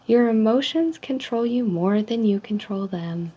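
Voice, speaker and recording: Soft-spoken woman, mellow customer service voice. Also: a little high, expressive. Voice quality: soft, hushed. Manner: polite, measured customer service manner. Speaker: ASMR role-player as call center agent giving a personality survey. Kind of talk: soft-spoken ASMR role-play, reading survey statements. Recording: dull lo-fi sound with faint noise.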